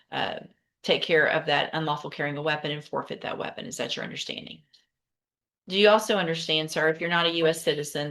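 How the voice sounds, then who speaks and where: A woman judge with a low-pitched voice presides over a courtroom. She speaks in a formal, procedural way, with a brisk, direct and commanding manner. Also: a bit bright.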